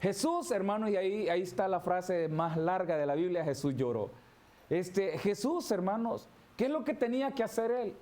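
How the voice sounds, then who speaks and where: High-voiced man preaching a Bible study. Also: normal speed, darkish tone. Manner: addresses listeners as "hermano" constantly; preaching, reading scripture aloud and commenting. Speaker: pastor. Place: church.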